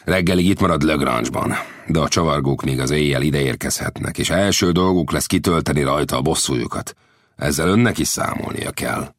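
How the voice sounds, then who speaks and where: A man's voice: rumbling low, dry recording, clean studio sound. A man voicing a cautious, widowed middle-aged blacksmith in an audiobook, earnest and warning. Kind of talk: audiobook character voice.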